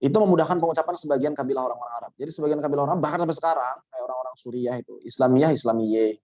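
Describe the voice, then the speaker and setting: A man's voice: fairly high pitch, very fast, darkish tone. A man teaching Quran recitation in an online workshop, patiently explaining with repeated examples.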